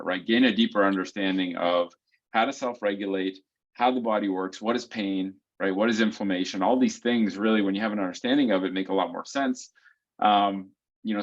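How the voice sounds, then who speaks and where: Low-voiced man answering questions on a dull call. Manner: explains step by step, keeps checking in with "right?" and "um". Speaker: co-host of a foot health community call. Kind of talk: casual explanatory Q&A answers. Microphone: video call.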